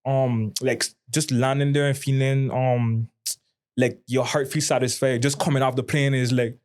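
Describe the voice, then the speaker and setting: A man from Saint Martin with a Caribbean accent co-hosts a podcast, chatting casually and reflectively in informal slang. His mid-range voice is flat in delivery and a little mellow, at a moderate pace.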